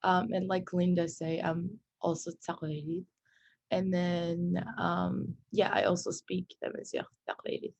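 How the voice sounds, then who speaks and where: A woman from Algeria gives a short, straightforward introduction on a video call. Her voice is gravelly, slightly low and quite flat in pitch. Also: unhurried, muffled recording. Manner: brief, straightforward. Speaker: panel guest.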